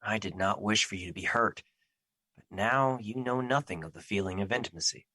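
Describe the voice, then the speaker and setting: Man playing solemn, formal Fear, low and forceful. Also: a little fast, dry recording. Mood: protective, regretful. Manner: formal, stilted, earnest phrasing without contractions. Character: Fear personified, solemn male immortal entity, remorseful and protective. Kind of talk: audio drama acting.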